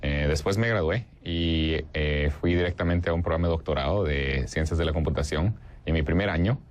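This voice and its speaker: A man's voice: a bass voice, brisk, lo-fi sound. A young man from Guatemala, answering interview questions in a hesitant way, with many fillers and restarts. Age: young adult. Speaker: interview guest.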